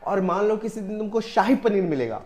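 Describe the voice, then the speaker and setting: A man's voice: high-pitched, animated, fast, over music. A man playing an evasive, sheepish husband in a scripted comedy skit.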